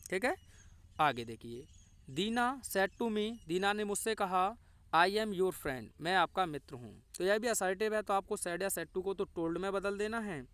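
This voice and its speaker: High-voiced Hindi-accented male teacher. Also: animated, a little slow, fairly bright tone, clear, resonant tone, no room sound. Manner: explains step by step, asks and answers his own questions. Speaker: English teacher. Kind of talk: exam-prep lesson.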